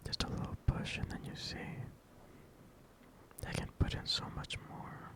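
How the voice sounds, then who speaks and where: An ASMR creator speaks entirely in a breathy whisper. The delivery is halting and rambling, offering reassuring affirmations in short, unhurried phrases. No full voice comes through. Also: a bit bright.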